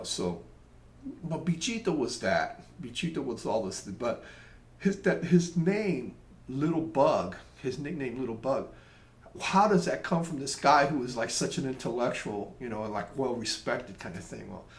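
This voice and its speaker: Man spinning local yarns, rambling and self-mocking, roomy echo. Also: mid-range voice. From Tampa, Florida, USA. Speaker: local storyteller. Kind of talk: casual storytelling monologue.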